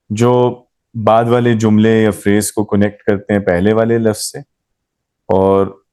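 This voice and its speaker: A man's voice: on the low side, dark tone. A man teaching a grammar class, explaining patiently and quizzing his students as he goes. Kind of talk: live class lesson.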